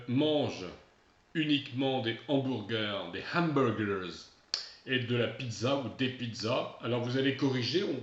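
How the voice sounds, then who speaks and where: A French-speaking male English teacher explaining exercises, switching between French and slow, stressed English examples. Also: medium pitch, a bit bright. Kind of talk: recorded video lesson. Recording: echoey room, dull lo-fi sound.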